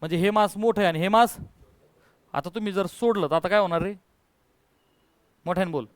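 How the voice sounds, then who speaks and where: Male physics teacher, high voice, smooth and dry, pushes the class for answers. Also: brisk, no room sound. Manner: coaxing, calls students to answer louder. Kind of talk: classroom lecture.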